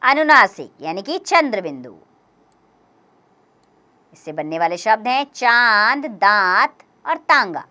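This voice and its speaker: A woman teaching a grammar lesson for young children, explaining slowly and clearly, step by step. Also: medium pitch, very animated, bright, forceful tone.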